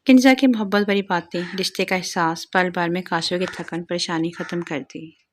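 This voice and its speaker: A woman's voice: lowish voice, steady tone. A woman narrating an audio story with a moralizing, plain storytelling manner.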